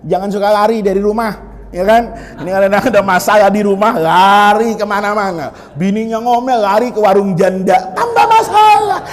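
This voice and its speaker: Lively joking male preacher in a hall. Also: high voice, normal speed. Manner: joking, storytelling, acts out quotes. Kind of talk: humorous mosque sermon. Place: large mosque hall. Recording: reverberant hall.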